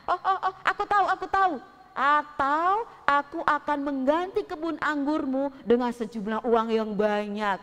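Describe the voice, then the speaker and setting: A woman's voice: high voice, normal speed, fairly bright tone, pitched above the performer's own voice. A woman voicing a greedy, sulking king who bargains eagerly and whines when he is refused, with a lot of reverb from a church hall. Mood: coaxing. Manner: coaxing, then whiny and petulant.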